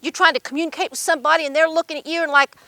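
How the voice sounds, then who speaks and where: An older woman storyteller from the Appalachian Mountains of Kentucky, USA, shares stories and personal memories live in a folksy, emphatic way, with an Appalachian accent and dialect grammar. Her voice sits high and sounds sharp, steady in tone and very fast, on a dry recording.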